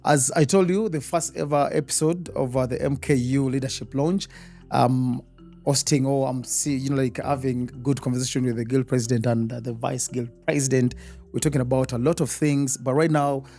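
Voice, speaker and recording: Hosting a student podcast in a relaxed interview style, this Rwandan-accented man uses lots of fillers like "uh" and reacts eagerly with "wow." He speaks at a normal pace in a warm, mid-range voice with fairly even intonation, over soft background music.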